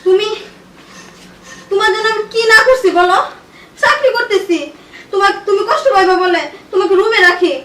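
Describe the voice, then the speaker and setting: A woman's voice: very high-pitched, normal speed, pauses often, a bit bright, distant mic. A woman playing a wife who catches her husband with the maid, scolding and tearful. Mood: angry. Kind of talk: amateur skit drama. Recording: echoey room, off-mic, faint music.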